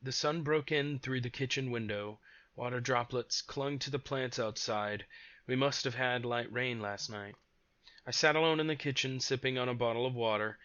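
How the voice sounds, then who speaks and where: A man reading an audiobook in a steady storytelling manner, on a dull, dry, lo-fi recording. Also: medium pitch, normal speed, no echo. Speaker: audiobook narrator. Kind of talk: scripted audiobook narration.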